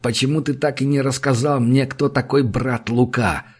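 A man voicing a desperate, furious young man who shouts and turns bitterly sarcastic. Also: mid-range voice, steady tone, normal speed, slightly rough, natural voice.

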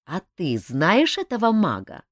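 A woman voicing a calm, reasoning male swordsman. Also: fairly low pitch, unhurried, no echo, clean studio sound, voice pushed up, full character voice.

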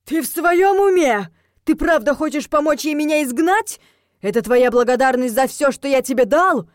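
A woman reading an audiobook, voicing an indignant, pompous male ghost, the heroine's father-in-law, who turns shrill when cornered. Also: big pitch swings, moderate pace, warm tone, no room sound, studio quality, natural voice. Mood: outraged.

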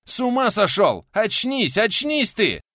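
A man voicing a rough, menacing medieval warrior who slurs his folksy speech, in an audiobook. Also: a little high, big pitch swings, moderate pace, a bit bright, no echo, clean studio sound, voice pushed up. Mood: shouting.

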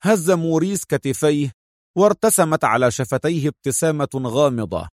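A man's voice: fairly high pitch, animated, moderate pace, no room sound, studio quality. A man narrating a spy novel as an audiobook, telling the story expressively.

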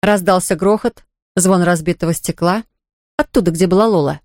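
A woman narrating a children's story in an expressive, steady way. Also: on the low side, normal speed, no room sound, clean studio sound.

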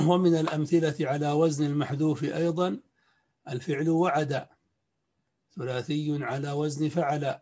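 Brief: male lecturer, somewhat high, mellow voice, measured teaching pace, lo-fi recording. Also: steady tone. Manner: measured, repeats key points, clears throat. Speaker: sheikh teaching Arabic morphology. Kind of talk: classroom lecture. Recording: dull lo-fi recording.

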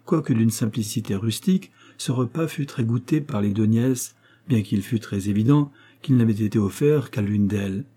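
A man narrating a classic novel as an audiobook reader, with a steady, even delivery. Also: fairly low pitch, normal speed, slightly rough.

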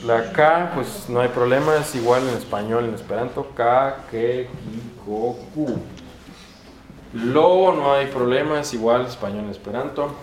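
A man's voice: medium pitch, normal speed, hardly any pauses. A man with a Mexican Spanish accent teaching a pronunciation lesson in an auditorium, spelling out sounds one by one and asking the class questions. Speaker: Esperanto teacher. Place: large university auditorium. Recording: roomy auditorium echo, faint background noise.

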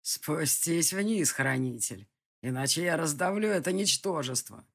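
Reader voicing a slow, cold male villain. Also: mid-range voice, animated. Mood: cold threat. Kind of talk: audiobook character voice.

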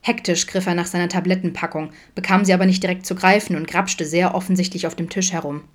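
A woman reading a fan fiction audiobook aloud in a steady storytelling manner. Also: lowish voice, fast. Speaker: audiobook reader.

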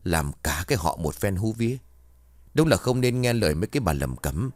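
A man voicing a gruff older clan elder who scolds and grumbles at his family. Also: on the low side, sing-song, fairly quick, a little mellow, dry recording. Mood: scolding.

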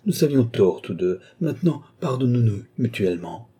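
A man voicing a weary middle-aged king who speaks in a placating, gently reproachful way. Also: mid-range voice, big pitch swings, moderate pace, breathy edge.

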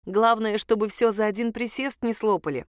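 Woman calmly reading an audiobook. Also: fairly high pitch, normal speed, clean tone, dry recording, clean studio sound. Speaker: audiobook narrator. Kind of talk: first-person audiobook narration.

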